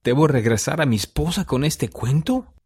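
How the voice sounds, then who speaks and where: A man's voice: fairly high pitch, animated, a little mellow, breathy edge, no echo, studio quality, voice pushed up. A man reading a story aloud and voicing an anguished, remorseful young husband who cries out in despair. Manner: crying out in despair, slow pleading.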